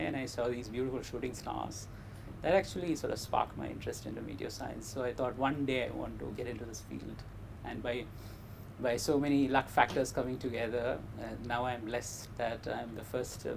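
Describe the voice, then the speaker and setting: A man from Kerala with an educated, well-spoken Indian accent, giving measured, modest interview answers about his own life and work as a scientist. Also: medium pitch, gravelly, noisy background. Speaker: interview guest, meteor scientist. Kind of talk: interview answers, personal career story.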